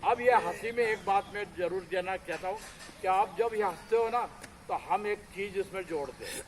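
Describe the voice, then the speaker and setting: A man's voice: high-pitched, normal speed, poor audio. A man leading a laughter yoga session, energetically coaxing the group to clap and laugh, recorded outdoors. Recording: crowd and outdoor traffic noise.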